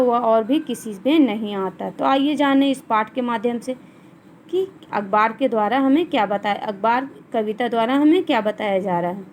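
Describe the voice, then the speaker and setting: Female teacher, high voice, online class lesson; slow verse reading followed by plain explanation. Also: a little hiss or hum, rough recording. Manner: recites verse lines slowly, then explains them plainly. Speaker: Hindi teacher.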